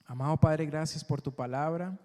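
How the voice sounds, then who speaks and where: A man preaching a sermon, asking the congregation questions and answering them, swinging from loud high peaks to soft low endings. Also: moderate pace. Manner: call-and-response questions to the congregation. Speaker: pastor. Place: church. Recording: long church hall reverb.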